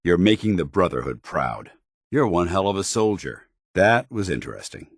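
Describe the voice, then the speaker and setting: An actor playing a stern, dutiful, righteous paladin soldier in a video game, with a clipped, authoritative military delivery. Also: male voice, deep voice, sing-song, moderate pace, husky, no room sound, studio quality, full character voice. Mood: approving, calm. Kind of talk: video game companion voice lines.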